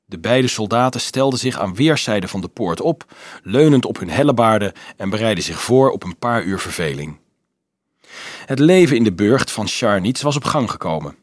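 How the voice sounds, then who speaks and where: A man reads an adventure story aloud in a dramatic, expressive storytelling manner. His husky voice swings widely in pitch, and the sound is dry and close with no room echo. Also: normal speed. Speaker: narrator. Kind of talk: audiobook narration.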